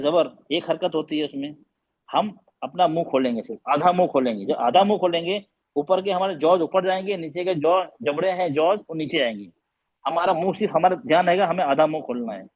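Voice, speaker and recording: High-voiced male teacher drilling vowel sounds. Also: brisk. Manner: repeats vowel sounds, quizzes students. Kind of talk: classroom lesson on Arabic vowels. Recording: dull lo-fi recording.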